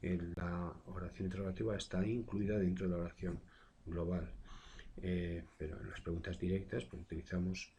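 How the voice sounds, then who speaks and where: Low, gravelly teacher, a man. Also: flat delivery, moderate pace, warm tone, a little hiss or hum. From Spain. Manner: explains patiently with frequent "eh" fillers and tag questions. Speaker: secondary school language teacher. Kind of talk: recorded grammar lesson.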